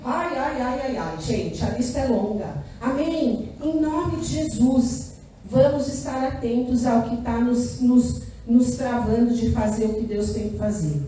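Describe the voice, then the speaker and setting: High-voiced woman preaching in echoing church. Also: unhurried, slight background noise. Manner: animated, asks the congregation "Amém?" often; emphatic repetition of short phrases. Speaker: pastor. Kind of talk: sermon. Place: church hall. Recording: echoey church room, distant mic.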